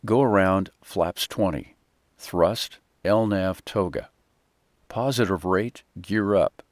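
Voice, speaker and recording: A man flying an approach and making calm, clipped, procedural cockpit callouts into a headset mic. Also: low voice, takes it slowly, no room sound, clean studio sound. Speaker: airline pilot flying an approach.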